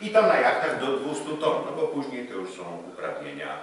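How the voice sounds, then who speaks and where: A middle-aged man lectures from beside a slide screen, pausing often on filler sounds as he gestures toward the slides. His voice sits at an ordinary pitch and is picked up from some distance away. The lecture room around him is very echoey, with a faint background hiss. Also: big pitch swings, fairly bright tone. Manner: talks with many fillers, gesturing and pointing at the screen. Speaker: lecturer on sailing qualifications. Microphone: far camera, no visible mic.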